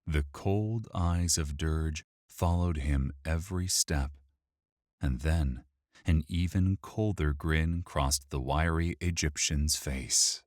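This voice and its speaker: A man narrating an audiobook in a measured, even storytelling manner on a close studio mic. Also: rumbling low, dry recording. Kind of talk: scripted narration.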